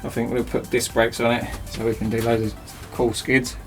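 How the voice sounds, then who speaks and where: A man's voice: mid-range voice, level tone, normal speed, vocal fry, music in the background. A man chatting casually and self-mockingly as he rambles through a DIY project in his cramped home workshop. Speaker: DIY video host.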